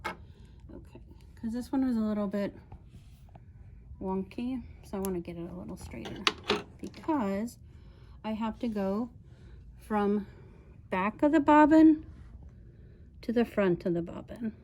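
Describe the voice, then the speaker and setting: A woman's voice: mid-range voice, expressive, a little slow, long pauses, warm tone, slight background noise. A woman casually demonstrating a sewing machine step by step, chatty and laughing often as she explains.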